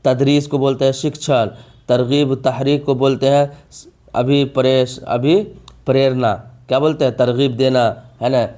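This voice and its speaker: A man's voice: mid-range voice, little pitch movement, warm tone. A man, teaching an exam-prep vocabulary lesson, repeating each term and asking rhetorical questions. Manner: drawn-out emphasis on key words.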